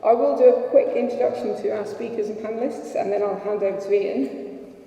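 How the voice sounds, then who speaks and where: In a conference hall, a woman chairs a panel and introduces the speakers in a chatty, self-deprecating style full of fillers. Her mid-range voice has a dark tone and runs a little fast, and the recording is echoey and picked up from far off.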